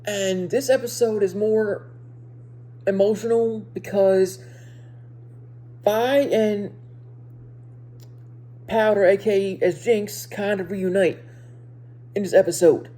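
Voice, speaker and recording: This video reviewer talks through a show casually for viewers, her voice mellow, soft-edged, breathy, and steady at a middle pitch for a woman. A speech impediment makes her delivery halting, with frequent repetitions and rewordings.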